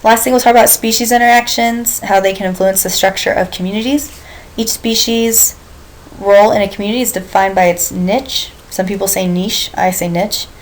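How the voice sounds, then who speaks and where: Speaking at a mid-range pitch in a steady tone and a little fast, a woman teaches her biology class step by step, often turning to students with questions and recalling earlier material. The recording is rough, with a slight hiss or hum.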